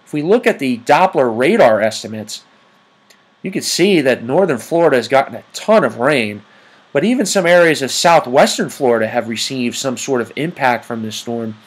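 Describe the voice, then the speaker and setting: A man presents an informal weather report over maps, speaking haltingly with frequent ums as he goes. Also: mid-range voice, animated, breathy edge. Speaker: amateur weather report host.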